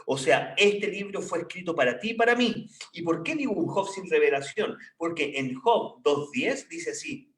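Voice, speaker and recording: A man's voice: fairly high pitch, lively intonation, normal speed, few pauses, a bit bright, echoey room, distant mic. A man preaching a sermon in a conversational way, often asking his listeners questions.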